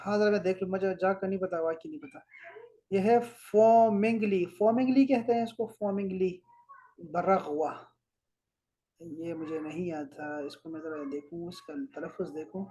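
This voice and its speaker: Brief: Pakistani man, Arabic teacher checking homework, repeats words slowly. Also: fairly high pitch, dark tone. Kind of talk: correcting homework in class.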